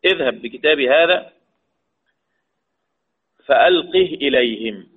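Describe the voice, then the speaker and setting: Husky Egyptian sheikh teaching recitation. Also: male voice, medium pitch, animated. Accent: Egyptian Arabic. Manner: asks the class questions and answers them himself; slow, drawn-out stress on key terms. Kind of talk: lecture mixing colloquial and formal Arabic. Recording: tinny phone-like lo-fi audio.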